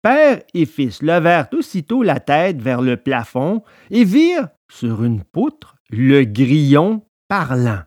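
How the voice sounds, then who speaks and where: Woman narrator for storybook audio, slow and lively, dry close sound. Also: low-pitched, no echo. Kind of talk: storybook reading.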